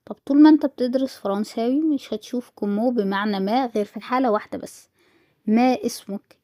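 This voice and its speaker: Fast-talking Egyptian woman teacher. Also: a little high, darkish tone, no echo, studio quality. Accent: Egyptian Arabic. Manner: explains step by step, repeating each French phrase and then translating it. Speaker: French teacher. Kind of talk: recorded lesson for school pupils.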